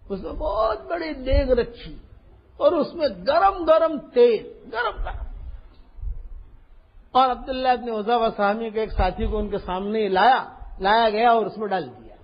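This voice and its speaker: An older man giving an impassioned Urdu-language sermon, telling a story and acting out its speakers, sometimes shouting. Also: very high-pitched, animated. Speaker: Islamic preacher. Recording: dull lo-fi archival sermon recording.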